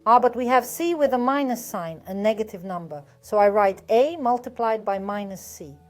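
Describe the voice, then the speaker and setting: A woman's voice: medium pitch, animated, moderate pace, soft background music. A woman teaching a math lesson step by step, patient and methodical, often asking a question and then answering it herself.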